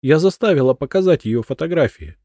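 Brief: a shrill, paranoid housewife, very high and frantic, for an audiobook. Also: female voice, lively intonation, brisk, dark tone, dry recording, studio quality. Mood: shrill, unhinged. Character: hysterical paranoid housewife, shrieking and unhinged.

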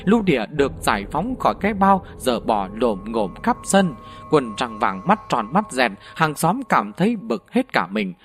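A man narrating a ghost story audiobook in an animated, vivid way. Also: mid-range voice, moderate pace, faint music behind.

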